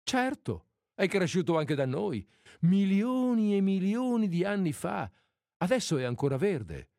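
A man voicing a calm male martian visitor who questions patiently like a teacher. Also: high-pitched, measured pace, creaky, dry recording, studio quality, voice pushed up, full character voice. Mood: calm questioning.

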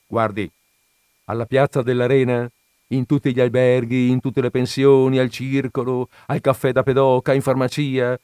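A man's voice: medium pitch, little pitch movement, normal speed, a little mellow, smooth, dry recording, lightly acted. Man reading as a fat jovial fifty-year-old braggart, chatty, confiding, dry close sound, storybook reading. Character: fat, jovial middle-aged man, garrulous and boastful. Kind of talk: audiobook character reading.

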